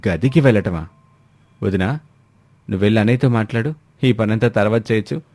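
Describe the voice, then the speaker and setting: A man's voice: on the low side, brisk, darkish tone, close to an everyday voice. A male narrator voicing an earnest, concerned young man who keeps asking what happened. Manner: earnest, questioning.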